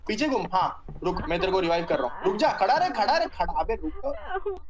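A man in a co-op horror game voice chat, bossing his teammates with rapid repeated commands. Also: high voice, sing-song, muffled recording, crowd noise. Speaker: gamer calling out moves to teammates.

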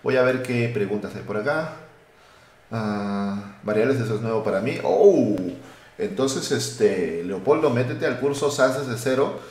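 A man teaching a live coding lesson, talking lively and thinking aloud while he types. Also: mid-range voice, measured pace. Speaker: web development instructor. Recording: roomy echo.

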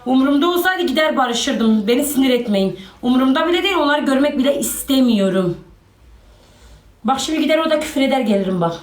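Exasperated high-voiced woman ranting on a live stream. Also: expressive, fast talker, roomy sound. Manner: exasperated, repeats herself, sighing interjections. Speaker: social media personality on a live stream. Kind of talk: agitated live-stream rant to viewers.

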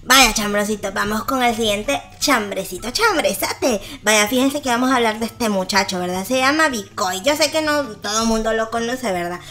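A woman's voice: fairly high pitch, normal speed, hardly any pauses, fairly bright tone, faint music behind. A woman with a Salvadoran accent hosting a gossip channel, chatting casually and laughing often. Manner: chatty, laughs often, keeps tagging "¿verdad?".

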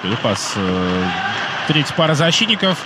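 A man's voice: mid-range voice, big pitch swings, normal speed, very noisy. A man doing live play-by-play commentary on an ice hockey game.

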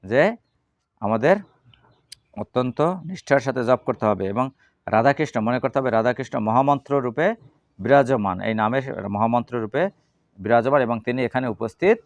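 Teaching the Gita, a man with a mid-range voice leads slow chanting and poses questions to the group that he answers on his own. The recording is dry and lo-fi.

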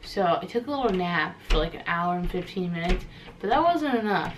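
A young woman in her twenties chatting casually to her vlog camera, sleepy and low-key after a nap. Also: lively intonation, brisk, slight background noise. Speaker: vlogger.

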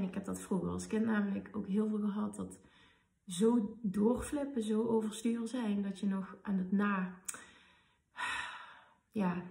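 A woman in her thirties, a podcast host, telling a personal story in an emotional, animated way. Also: mid-range voice, creaky. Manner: emotional, animated retelling with quoted dialogue. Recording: roomy, slightly distant mic.

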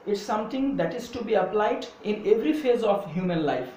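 Spelling words letter by letter and slipping into English phrases, a man patiently explains English pronunciation while talking to the camera. He draws his words out in a high-pitched, expressive, slightly mellow voice, and the sound is echoey and dull, a bit distant, with a faint hum in the background.

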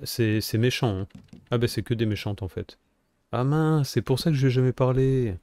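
A man's voice: mid-range voice, steady tone, normal speed, darkish tone, no room sound. A man co-hosting a gaming video, chatting casually and jokily with a friend as he plays. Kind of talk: casual gameplay commentary with a friend.

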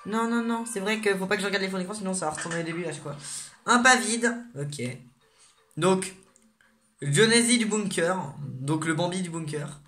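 Reading the menu text aloud as they go, an excitable gaming host casually comments on new game content, speaking at normal speed with a medium pitch.

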